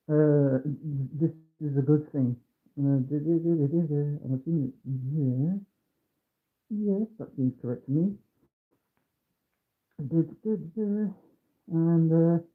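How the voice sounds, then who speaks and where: A man livestreaming while building a kit, his voice muffled as though through a mask or a wall, mumbling and humming to himself. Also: fairly high pitch. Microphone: phone mic. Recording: tinny muffled phone audio.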